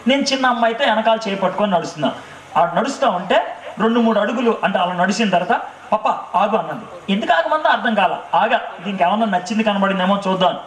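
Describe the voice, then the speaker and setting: A man's voice: high voice, a bit bright, roomy sound, recorded from a distance, a little hiss or hum, rough recording. A man preaching a sermon at an evening revival meeting, asking the crowd rhetorical questions and telling a family story with laughter. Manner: asks the crowd rhetorical questions, keeps checking they understood.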